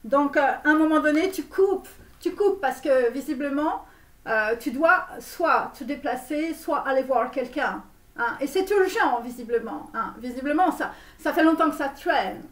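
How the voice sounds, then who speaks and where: A woman playing a grandiose Romanian-born American tarot guru in a parody reading, with a put-on Romanian accent and English words thrown in. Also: high-pitched. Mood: pompous. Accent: put-on Romanian accent in French. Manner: grandiose, sprinkles English words, drawn-out phrases. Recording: roomy echo, mic far off.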